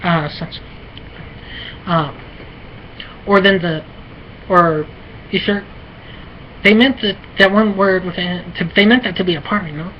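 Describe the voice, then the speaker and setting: An American woman talking alone in a halting, repetitive, rambling way, with many fillers and restarts. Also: on the low side. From United States. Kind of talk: rambling solo monologue. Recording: muffled lo-fi with faint noise.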